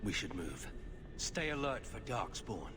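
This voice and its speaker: Solemn, measured warrior. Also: male voice, on the low side, big pitch swings. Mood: solemn, resolute. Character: grave, guarded male Grey Warden warrior. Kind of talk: video game voice acting. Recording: clear background ambience noise.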